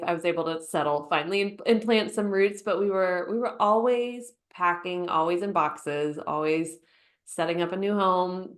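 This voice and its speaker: A woman, a therapist who is a podcast guest, telling her story in a lively way and playfully acting out remembered lines. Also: on the low side. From United States. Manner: lively storyteller who acts out quotes with laughter. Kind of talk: conversational storytelling interview.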